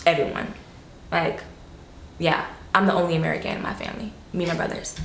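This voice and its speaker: A woman's voice: on the low side, steady tone, a little fast, vocal fry, reverberant, slight background noise. A woman from South Florida, chatting loosely as an interview guest, full of fillers and casual swearing.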